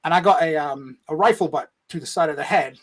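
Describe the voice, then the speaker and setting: A podcast guest from Egypt, his voice on the high side and a little fast, tells a personal story in a casual interview. He rambles, swears, and keeps tagging his sentences with "right?"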